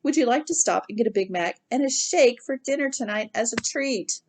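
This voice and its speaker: A woman reading the part of a patient father who asks gentle, puzzled questions. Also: fairly high pitch, animated, moderate pace, a little hiss or hum, voice pushed up, close to an everyday voice.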